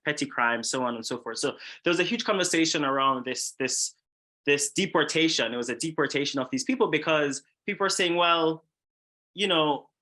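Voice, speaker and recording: Bright-voiced man from Jamaica. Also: medium pitch. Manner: thoughtful, with frequent restarts and laughs. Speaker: filmmaker guest. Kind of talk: casual interview talk.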